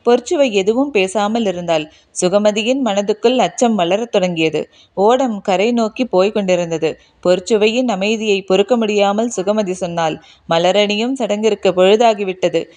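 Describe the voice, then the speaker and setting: A woman reading a historical novel aloud as an audiobook narrator, in a measured, formal literary way. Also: mid-range voice, darkish tone. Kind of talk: storybook narration.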